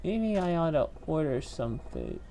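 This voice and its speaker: A woman streaming a video game, talking through her choices out loud in a casual, joking way. Her voice is fairly low, and her pitch jumps up and down as she reacts. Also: moderate pace. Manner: thinks aloud, jokey and animated. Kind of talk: casual gameplay commentary.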